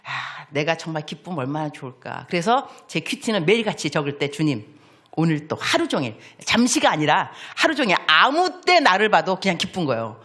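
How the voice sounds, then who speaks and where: Animated woman preaching a sermon. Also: low voice, a little fast. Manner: animated, acts out voices of children and God, playful asides. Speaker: missionary preacher. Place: church sanctuary.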